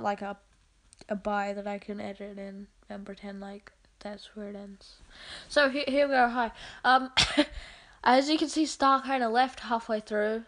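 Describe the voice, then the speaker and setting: Rambling woman podcast host, slightly high. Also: a bit bright. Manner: rambling, halting with many fillers. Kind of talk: casual podcast outro.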